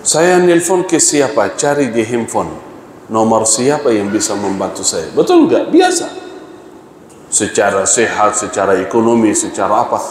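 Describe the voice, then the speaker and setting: A man's voice: fairly low pitch, wildly swooping pitch, normal speed, a little hiss or hum. A male preacher gives a storytelling sermon. His voice rings through a large, echoey mosque with a long reverb tail. A faint murmur of ambience sits underneath as he acts out the characters. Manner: asks the congregation rhetorical questions.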